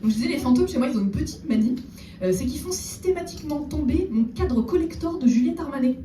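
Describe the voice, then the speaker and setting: A woman's voice: high voice, quick pace. Ironic woman comedian on a roomy stage. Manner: ironic deadpan asides, chatty with the audience. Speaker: stand-up comedian. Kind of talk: stand-up comedy set. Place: theater stage before a live audience. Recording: roomy echo, distant mic, audible room noise.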